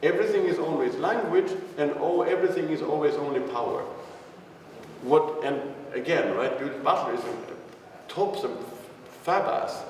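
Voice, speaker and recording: A man giving a live lecture, casual and irreverent, thinking aloud with frequent restarts. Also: on the high side. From Sweden. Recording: echoey hall, speaker far from the mic, faint noise.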